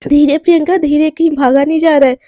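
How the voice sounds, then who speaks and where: A woman's voice: high-pitched, fairly even intonation, quick pace, warm tone, no echo, natural voice. A woman doing a flustered stammering young woman. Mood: soothing. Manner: stammering, repeats herself nervously. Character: flustered apologetic young woman, eager to please.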